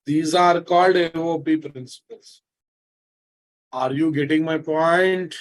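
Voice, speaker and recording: Poor audio captures a fairly high, fairly even male voice taking things slowly in a live programming lecture with a Telugu Indian accent. The teacher repeats phrases and needles his students with familiar, scolding questions.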